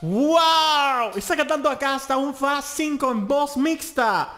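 A man's voice: very high-pitched, moderate pace. A young man from Latin America hosting a music reaction, gushing with exclamations and pointing out singing technique as a song plays. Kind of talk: reaction commentary over a song. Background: song playing faintly.

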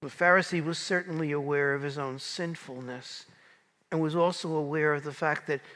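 A man's voice: fairly high pitch, fairly even intonation, normal speed, sharp tone. An older man, a priest, speaking solemnly in scripture reading and homily, his voice carried in cathedral echo. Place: large indoor church sanctuary. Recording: long church echo.

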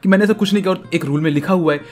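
A man's voice: sits high, very fast, soft background music, pitched above the performer's own voice, lightly acted. A man voicing a timid teenage boy who pleads and repeats himself. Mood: desperate.

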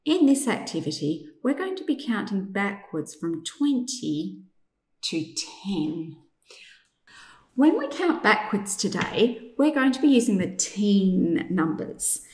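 A woman teacher leading an instructional lesson for young children, enunciating clearly and guiding with simple questions. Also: mid-range voice, very animated, slow, darkish tone. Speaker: teacher presenting a maths activity. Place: indoors in a room, demonstrating at a tabletop. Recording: echoey room.

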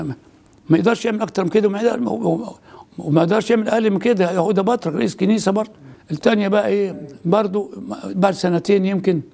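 An older priest with an Egyptian Arabic accent tells a story in a high, heavily gravelly voice. His speech is husky and rushes along very fast, stumbling into restarts and repeated words. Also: mellow. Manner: rapid, halting retelling with many restarts and repeated words. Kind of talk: casual storytelling in a conversation.

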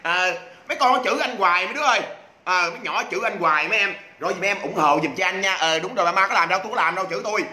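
Male livestream seller, quick high patter, playful and loud, echoey home room. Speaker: livestream host selling products. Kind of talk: rapid comic livestream patter. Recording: echoey room with faint noise.

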